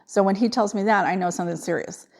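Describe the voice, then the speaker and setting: A middle-aged woman, a nurse, telling a personal family story in a halting, emotional way with many fillers. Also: medium pitch, creaky.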